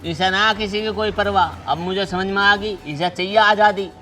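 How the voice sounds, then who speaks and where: An actor with a Haryanvi accent playing an exasperated older brother who speaks scornfully in rustic dialect. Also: male voice, high-pitched, steady tone, moderate pace, bright, forceful tone, faint music behind.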